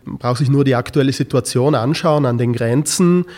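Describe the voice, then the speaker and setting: A man, speaking at an ordinary middle pitch. He is a teacher answering interview questions in a thoughtful, searching way and pauses often on filler sounds. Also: darkish tone. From South Tyrol. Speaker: teacher in a school project.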